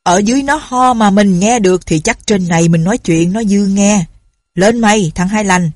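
A woman doing a gruff barking sergeant. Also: mid-range voice, normal speed, darkish tone, dry recording, studio quality, lightly acted. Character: blustering male colonial-era village police sergeant.

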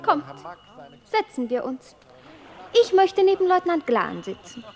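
An actress playing an impulsive, ardent young merchant's daughter in a 1950s German radio play, often speaking in a breathy half-whisper. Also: female voice, high voice, big pitch swings, unhurried, a crowd in the background, full character voice. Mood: insistent.

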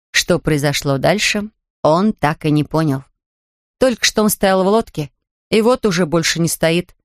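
A woman reading a children's story aloud in a lively way, voicing the characters in turn. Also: medium pitch, no echo, clean studio sound.

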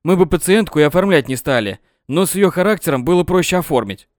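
A man's voice: a little high, expressive, fast talker, no echo, studio quality, voice pushed up, lightly acted. A man voicing a brusque, impatient male doctor who snaps at people. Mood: irritated. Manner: curt, snapping.

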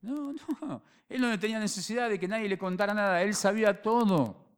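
A man with a Rioplatense Spanish accent preaching a sermon as pastor, animated, dropping to quiet phrases and then rising to loud emphatic ones. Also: sits high, a little fast, clean tone. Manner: animated preaching, acts out voices and dialogues.

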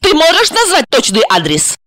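A woman's voice: sits high, wildly swooping pitch, normal speed, fairly bright tone, voice pushed up, exaggerated voice. A woman reading an audiobook and voicing a stormy, jealous young woman who mocks and interrogates her friend. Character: fiery, jealous young woman, sharp-tongued.

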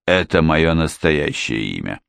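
A man's voice: rumbling low, big pitch swings, measured pace, gravelly, a bit bright, clean tone, no echo, exaggerated voice. A man voicing a sinister impostor preacher, cold, insolent and clipped, recorded dry and close.

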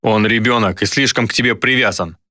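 A stern, grief-hardened uncle voiced by a man in a fantasy audiobook. He speaks in a low, dry voice that is harsh and accusing. He gives orders without softening. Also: brisk, no echo.

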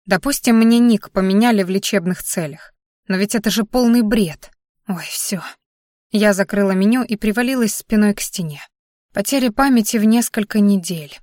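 A woman's voice: medium pitch, normal speed, darkish tone, no echo. A woman reading a first-person audiobook in a wry, anxious inner-monologue manner, often questioning herself. Her voice sits in a middling range. The recording is dry and close. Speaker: audiobook narrator.

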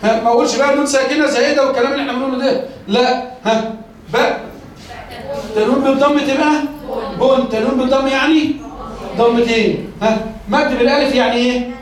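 A man with an Egyptian Arabic accent and a very high voice, lecturing teachers in a classroom. He explains step by step and keeps asking questions he then answers himself. The mic sits far off in a very echoey room. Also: steady tone, fast talker, a crowd in the background. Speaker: teacher trainer. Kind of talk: lecture on teaching children to read.

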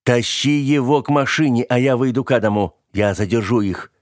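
A man's voice: medium pitch, fairly quick, no room sound, studio quality, pitched above the performer's own voice, close to an everyday voice. A man voicing a young man who urgently orders his friend to flee, commanding and pushing. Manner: urgent, commanding, forced cheer.

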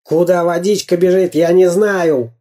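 Man doing a gruff slow pirate captain, dark voice, storybook. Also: high voice, steady tone, voice pushed up. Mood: blustering. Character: bearded male pirate captain, gruff and dim.

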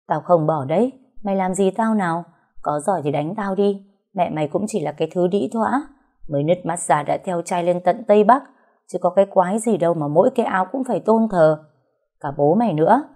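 A woman voicing a cruel, sneering pregnant stepmother in an audio story, insulting and rising to shouts. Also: fairly low pitch, fairly quick. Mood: scornful taunting. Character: spiteful pregnant middle-aged stepmother, cruel and shrill.

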